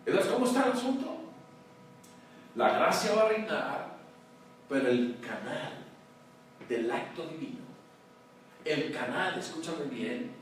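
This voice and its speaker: A male pastor preaching a sermon, swinging between loud emphasis and hushed words, often calling out to his congregation. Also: a little high, expressive, unhurried, long pauses. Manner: addresses congregation as "hermano", asks "¿verdad?". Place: large church hall. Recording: very echoey church hall, mic far off, faint noise.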